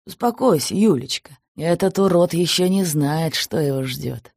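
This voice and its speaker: A woman voicing a stern older father, calm and menacing, in an audiobook. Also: low-pitched, moderate pace, husky, no echo, clean studio sound. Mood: cold soothing.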